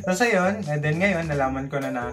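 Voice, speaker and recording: A young man with a Filipino accent telling a story casually in a vlog, in an animated way, acting out bits of dialogue. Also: fairly high pitch, brisk, music in the background. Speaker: vlogger recounting call center training. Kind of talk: casual storytelling vlog, mixing Tagalog and English.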